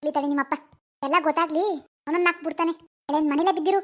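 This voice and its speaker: Cartoon mother, enraged, voiced by a woman, very high and shrill, rattles off insults at speed. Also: fairly even intonation, lightly acted. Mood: angry scolding. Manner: shrill, rapid scolding with insults. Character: furious village mother scolding her teenage daughter.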